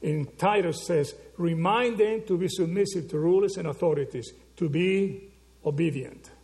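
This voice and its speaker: Preaching at an ordinary pace, the same Argentine pastor has a somewhat dark tone over a gravelly, creaky voice that runs slightly high for a male. His sermon leans on rhetorical questions and constant "right?" and "okay?" check-ins with the congregation.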